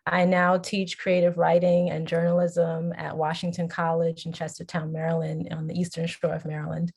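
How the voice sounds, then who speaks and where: A woman from New York, a writing teacher and memoir author, introducing herself on a panel in an even, matter-of-fact way. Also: fairly low pitch, moderate pace, vocal fry, husky. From Long Island, New York.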